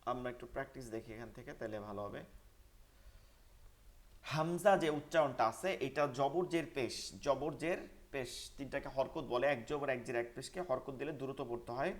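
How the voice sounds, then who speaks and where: Man, Bangladeshi Bengali accent, online Quran class, slow repeated drills, mid pitch. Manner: repetitive drilling, call-and-response recitation. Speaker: Quran recitation teacher. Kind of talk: online class teaching Arabic pronunciation. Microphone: online class microphone.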